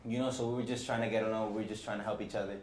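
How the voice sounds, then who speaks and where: A man in his twenties, a band member chatting casually in an interview, relaxed with lots of fillers. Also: lowish voice, very fast. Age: 20s. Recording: echoey with faint noise.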